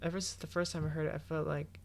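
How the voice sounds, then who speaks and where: With background music going, a game streamer talks quickly in a creaky voice that sits on the high side and barely moves in pitch. He reacts informally to forum posts he's reading, using plenty of slang.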